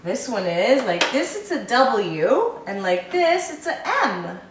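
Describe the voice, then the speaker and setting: A woman's voice: medium pitch, big pitch swings, slow. A mother coaxing her toddler in a sing-song, encouraging way, recorded at home on a camcorder's built-in microphone. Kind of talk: home video, coaxing a toddler through letters. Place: indoors at home. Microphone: built-in camera microphone. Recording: echoey room with faint hiss.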